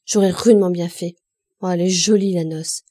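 A woman's voice: fairly low pitch, fairly even intonation, brisk, mellow, natural voice. A woman voicing a fussy, angry married woman at a wedding, sputtering indignant complaints.

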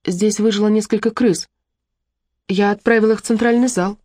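A woman's voice: mid-range voice, fairly even intonation, moderate pace, darkish tone, pitched above the performer's own voice, close to an everyday voice. An audiobook narrator voicing Lark, a young girl who commands animals and speaks lightly and plainly. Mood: matter-of-fact.

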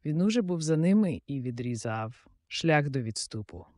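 A man narrating a fairy-tale audiobook in a lively, theatrical way. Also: on the high side, normal speed, no room sound, studio quality.

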